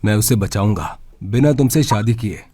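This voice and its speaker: An actor playing a calm, confident young healer in a dubbed drama. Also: male voice, lowish voice, normal speed, husky, no room sound, studio quality. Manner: calm, assured. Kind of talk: Hindi dub of a drama series.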